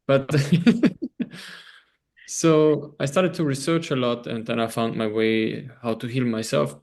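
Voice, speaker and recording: A man from Austria with a German accent, a guest on an online interview, talking loosely with pauses and frequent laughs. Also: medium pitch, steady tone, darkish tone. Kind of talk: casual interview over video call. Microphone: video call.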